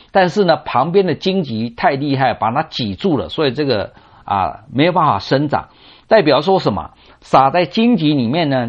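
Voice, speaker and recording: Husky, animated male preacher, lo-fi. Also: medium pitch. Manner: asks and answers his own rhetorical questions; teaching tone with drawn-out sentence particles. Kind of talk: sermon expounding a scripture parable. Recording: dull lo-fi recording.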